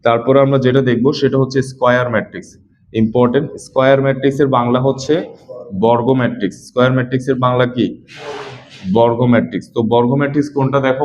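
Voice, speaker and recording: A man's voice: medium pitch, little pitch movement, fast talker. A man teaching mathematics in a lecture style, repeating points and quizzing his students with questions as he explains. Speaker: math teacher. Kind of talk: classroom lecture. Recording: dull lo-fi recording with faint noise.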